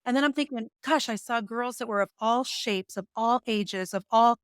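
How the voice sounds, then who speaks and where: A woman's voice: on the high side, normal speed, clean tone, no room sound, clean studio sound. A woman in her forties, a business coach and author, telling stories casually in an interview and acting out her own inner voice. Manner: animated, acts out her own inner dialogue with laughs. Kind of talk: casual storytelling in a podcast interview.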